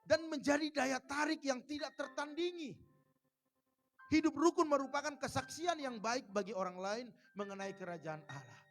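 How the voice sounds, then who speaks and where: A man with a high voice preaches a church sermon, playful and animated, slipping into little acted-out scenes to make his point. Faint music sits behind him. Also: normal speed. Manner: lively, joking, acts out little scenes. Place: church service.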